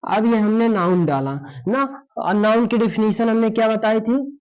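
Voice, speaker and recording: A man's voice: high-pitched, moderate pace, clean tone. A male English grammar teacher explaining a lesson, often asking rhetorical questions and answering them himself. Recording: dull lo-fi sound.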